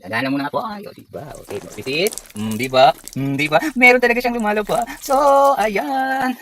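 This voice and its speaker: A woman chatting excitedly through a cooking and product demo. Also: medium pitch, a little fast. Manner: chatty, excitable, keeps saying "di ba". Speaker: vlogger. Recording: loud background noise.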